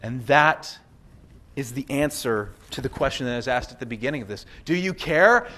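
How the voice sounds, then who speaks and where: A man's voice: medium pitch, lively intonation, normal speed, pushed and bright. A man preaching a sermon as pastor, earnest, repeating key phrases for emphasis.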